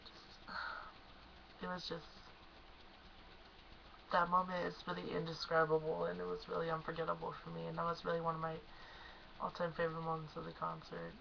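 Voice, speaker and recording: A young woman excitedly recapping a concert she went to, gushing and emotional, at times choked up. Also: deep voice, a little fast, gravelly, pauses often, highs cut off, a little hiss or hum. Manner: gushing, emotional, lots of "like" and "oh my gosh". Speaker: concert fan vlogger.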